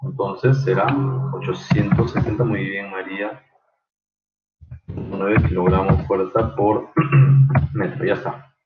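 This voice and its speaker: A low-pitched man teaches an online engineering class. He talks haltingly, full of fillers, and quizzes students by name. His voice comes through a thin, phone-like line in a roomy space with faint background noise. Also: level tone, over loud music. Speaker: engineering lecturer.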